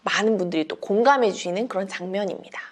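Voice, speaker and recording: A woman teacher giving a lecture to other teachers, walking them through a picture book with animated, expressive storytelling. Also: medium pitch, fast talker.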